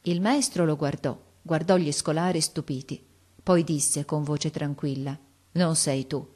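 A woman reads a classic novel aloud in a measured, expressive way, her voice sitting a little low. The narration is steady and lets each phrase land. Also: slightly rough. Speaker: audiobook reader.

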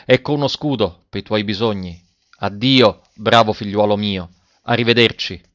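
A man's voice: on the low side, normal speed, fairly bright tone, close to an everyday voice. A man voicing a tender peasant father. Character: grateful middle-aged peasant father, tender. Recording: dry, dull lo-fi recording.

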